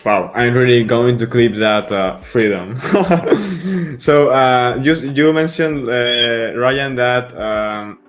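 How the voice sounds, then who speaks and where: A man's voice: mid-range voice, takes it slowly. A man from Europe hosting a casual podcast conversation, hesitant and full of "uh" and "um", laughing often. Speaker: podcast host.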